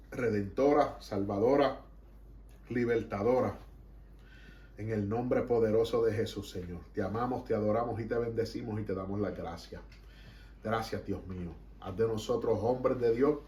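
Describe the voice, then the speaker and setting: Fervent and emphatic, a pastor addresses his congregation in Spanish laced with English, his accent Puerto Rican. His mid-range voice has a darkish tone. The room echoes and the microphone is set at a distance.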